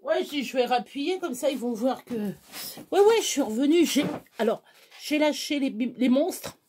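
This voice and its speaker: A middle-aged woman talks to her viewers from home, rambling from one grievance to the next with an exasperated edge. Her voice sits a little high, and she drifts around the room as she chats. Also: lively intonation, a little slow, a little mellow, slight background noise. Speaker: vlogger. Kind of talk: casual chat to camera.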